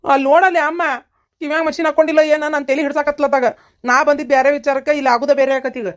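A woman's voice: mid-range voice, fast, close to an everyday voice. A woman voicing a grown son in a cartoon, coaxing and pleading with a North Karnataka accent. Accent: North Karnataka Kannada.

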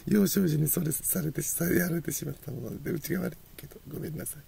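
Her voice is low, creaky and husky with a dark tone, and she talks fast. She's a channel host with a Kansai Japanese accent, rambling through a personal story and frequently breaking into laughter between phrases.

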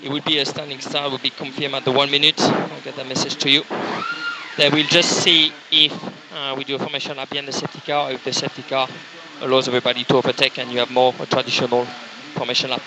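A male race engineer gives instructions over race car onboard radio, repeating them methodically. His mid-pitched voice is creaky and gravelly, filtered through a noisy link with clicks. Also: little pitch movement, fast talker. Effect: team radio filter. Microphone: radio headset.

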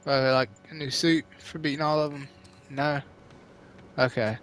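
A man's voice: mid-range voice, steady tone, normal speed, a bit bright, slight background noise. Laid-back young man playing a game. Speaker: gaming youtuber. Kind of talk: casual let's-play commentary. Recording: commentary over game music.

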